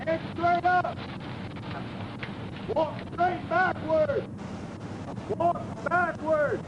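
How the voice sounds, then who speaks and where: A police officer calling out slow, firm commands through a patrol car loudspeaker outdoors. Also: male voice, very high voice, steady tone. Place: outdoors at a traffic stop. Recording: muffled loudspeaker, loud vehicle noise.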